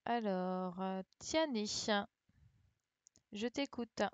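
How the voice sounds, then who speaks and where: A primary school teacher in a video-call class corrects a dictation, spelling letters patiently and checking her pupils understand. Her medium-pitched voice is smooth and darkish, and she draws out her words. The computer mic gives dull, lo-fi sound with no echo.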